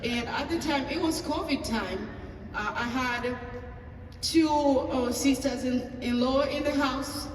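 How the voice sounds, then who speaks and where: A woman's voice: high voice, slow, slight background noise. A woman pastor with a Tanzanian accent telling a personal story at a table talk, acting out dialogue with hesitant fillers. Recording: echoey hall from far off, faint ambience.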